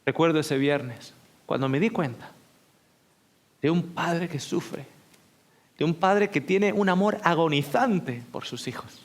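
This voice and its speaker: An emotional male preacher delivering a seminar sermon in a voice pitched a little above average. He puts direct questions to his listeners and often drops into slow, intimate whispers to drive a point home. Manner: emotional, shifts into slow, hushed whispers for emphasis.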